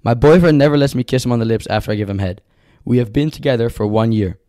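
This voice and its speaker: Male podcast co-host. Blunt, slangy banter, mid-pitched, recorded close and dry. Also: quick pace, dark tone, no room sound. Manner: slangy, blunt, repeats phrases for emphasis. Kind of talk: casual banter, reading out anonymous confessions. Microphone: close podcast microphone.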